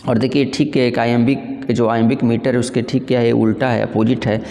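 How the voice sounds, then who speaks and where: A man teaching an exam-prep English literature lesson, reading questions slowly and explaining in Hinglish with rhetorical questions. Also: medium pitch, flat delivery, dark tone, in a large hall.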